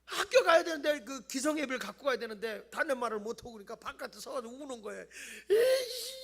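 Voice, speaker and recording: A middle-aged male pastor giving an animated Friday night sermon in a church, acting out whiny voices and shouting. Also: very high voice, quick pace, creaky, hardly any pauses. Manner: animated, acts out voices of people he tells about, mock-whines and shouts. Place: church sanctuary.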